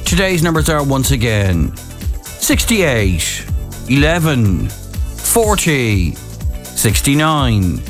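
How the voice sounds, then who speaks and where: An Irish man working as a radio bingo caller, reading out numbers in a sing-song calling pattern. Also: medium pitch. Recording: music bed behind the voice. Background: music.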